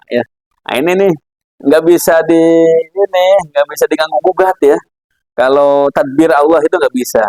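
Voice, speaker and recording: A man's voice: medium pitch, darkish tone, no room sound, poor audio. A man giving a casual religious lesson, chatty and laughing often as he acts out characters in his stories. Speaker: Islamic philosophy teacher. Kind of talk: casual religious lecture with anecdotes.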